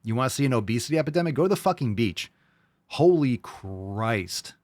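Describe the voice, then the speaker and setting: A man's voice: medium pitch, lively intonation, very fast, a little mellow, dry recording, clean studio sound. A man giving off-the-cuff reaction commentary in a smug, sarcastic, mocking way, blunt and sweary. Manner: blunt, profane.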